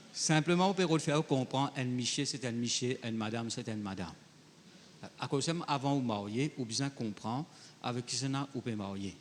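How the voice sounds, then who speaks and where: A man's voice: medium pitch, in a large hall, a little hiss or hum. A male pastor preaching a sermon in a conversational way, reading Bible verses and then talking straight to the congregation. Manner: conversational preaching, mixing French with Creole phrasing.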